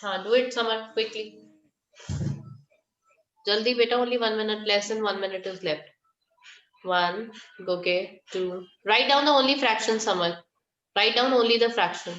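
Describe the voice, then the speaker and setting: A woman's voice: medium pitch, fairly even intonation, moderate pace, pauses often, a bit bright. Female Indian schoolteacher, instructive online-class delivery, mixes Hindi and English, boxy room echo. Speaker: primary school maths teacher. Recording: muffled, echoey online class call.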